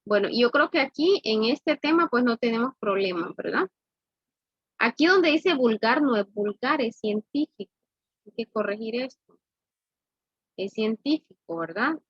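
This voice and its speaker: A woman teaching a class, explaining slowly and checking in with "¿verdad?" after nearly every point. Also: fairly high pitch, expressive, breathy edge, no room sound, muffled recording. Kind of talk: classroom lesson.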